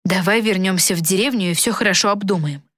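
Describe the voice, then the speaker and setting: Woman doing a spirited young princess, wry and lively, dry close sound. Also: medium pitch, quick pace, no echo, natural voice. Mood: pleading.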